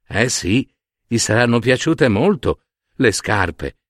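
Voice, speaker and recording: A man's voice: medium pitch, lively intonation, slow pace, no room sound, studio quality. A man voicing a kindly, homely shoemaker's wife in a storybook tale, raising his voice to sound like her. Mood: gentle. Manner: gentle, homely, questioning. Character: kindly poor shoemaker's wife, middle-aged woman.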